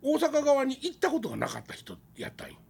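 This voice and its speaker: A man's voice: very high-pitched, fast talker, gravelly. A middle-aged man with a Kansai accent telling a casual anecdote as a talk show host, peppering it with vivid sound words. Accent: Kansai Japanese. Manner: animated, uses many sound-effect words.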